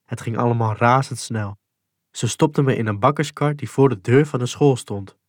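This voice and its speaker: A man calmly reading a first-person memoir in a measured, sober way. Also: mid-range voice, dry recording, clean studio sound. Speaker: narrator. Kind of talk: scripted memoir narration.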